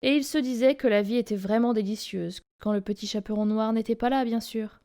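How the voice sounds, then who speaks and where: A woman reading a children's story aloud, in a lively, expressive way. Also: fairly high pitch, brisk.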